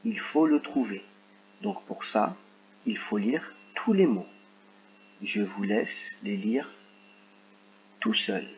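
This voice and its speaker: A man teaching a recorded phonics lesson to young children, dictating words slowly and clearly. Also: lowish voice, big pitch swings, dull audio, slight background noise. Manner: slow, carefully articulated word dictation.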